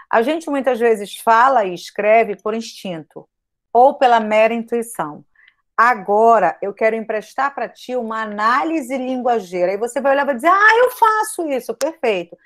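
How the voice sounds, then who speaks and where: A woman writing teacher giving an online grammar lesson. She speaks emphatically, repeats her points, stretches stressed words, and talks straight to her students. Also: on the high side.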